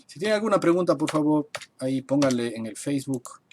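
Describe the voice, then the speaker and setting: A man teaching a live online class at his computer, explaining and translating terms slowly and step by step, with typing heard behind him. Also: on the high side, lively intonation. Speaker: architect teaching construction English. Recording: faint noise and keyboard typing. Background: keyboard typing.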